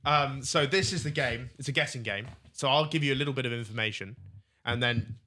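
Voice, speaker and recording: Speaking fairly quickly with a sharp tone and a medium pitch, this podcast co-host keeps things jokey. He clowns around on a casual comedy show and leads a quiz game.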